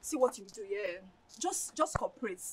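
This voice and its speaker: A woman's voice: medium pitch, expressive, normal speed, slightly rough. An actress with a Nigerian English accent playing a playful young woman who pleads with her friend for the sake of money, in a film drama. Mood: coaxing. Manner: coaxing, pleading, laughs loudly.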